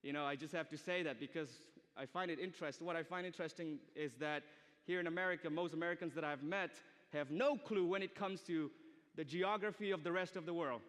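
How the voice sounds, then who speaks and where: A young student speaker from Myanmar preaches a sermon to students in a large church or university auditorium, chatty and direct, putting questions to the crowd. His voice sits on the high side and sounds brisk and a bit bright. Long hall reverb from the live space fills the recording.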